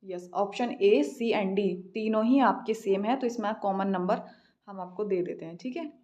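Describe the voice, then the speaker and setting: An Indian woman tutoring an English exam, reading questions slowly and then explaining quickly. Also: medium pitch, a little mellow. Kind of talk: exam practice lesson, Hindi-English mix.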